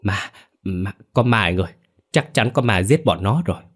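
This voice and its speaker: A panicky young henchman voiced by a man whimpers and pleads in a low, shaky voice. He sounds thoroughly spooked and close to tears. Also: lively intonation, moderate pace, breathy edge. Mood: terrified.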